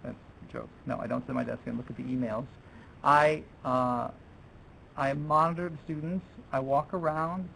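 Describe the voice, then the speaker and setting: A man's voice: mid-range voice, steady tone, moderate pace, creaky, a bit bright, slight background noise, low-quality recording. A man presenting a teaching workshop to fellow teachers in a chatty way, restarting his sentences and dropping in French phrases.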